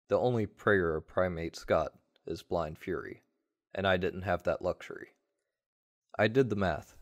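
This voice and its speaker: Telling a dramatic tale in the first person, this audio-story narrator has a deep, low-pitched male voice. His measured, dryly humorous delivery recalls a radio drama.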